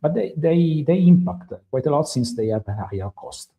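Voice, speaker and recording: A native Italian speaker from Italy with an Italian accent co-hosts a live tech stream, presenting a guide hesitantly with many fillers and restarts. His voice is a little high and warm, with lively intonation at a moderate pace.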